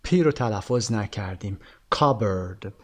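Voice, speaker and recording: A man with a Persian accent teaching an English lesson. He says English words slowly and carefully, then explains them in quick Persian. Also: on the low side, animated. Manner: switches between careful slow English examples and quick explanations. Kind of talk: recorded language lesson.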